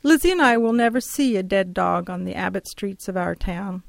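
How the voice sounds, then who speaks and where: A middle-aged woman reading her personal essay aloud in a measured, wry storytelling manner with lingering pauses. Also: lowish voice, vocal fry, no echo.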